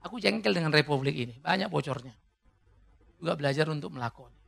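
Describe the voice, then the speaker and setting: Male pastor, high gravelly voice, bright and sharp, lively sermon delivery. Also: fast. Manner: lively preaching with jokes and shouted climaxes.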